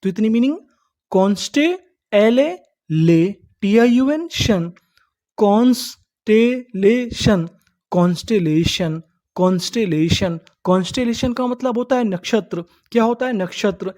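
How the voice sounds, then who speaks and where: A male teacher gives a patient online reading lesson. He breaks each word into slow syllables and repeats them. He asks the class a question, then answers it himself. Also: sits high, animated, a little mellow. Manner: sounds words out slowly, letter by letter.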